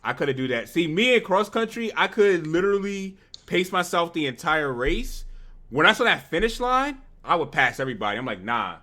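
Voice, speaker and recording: A man's voice: fairly high pitch, very animated, fairly quick, pushed and bright. A young man hosting a podcast, reading chat questions and joking around, often laughing and stumbling over his first words. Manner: playful and laughing, with stammered starts.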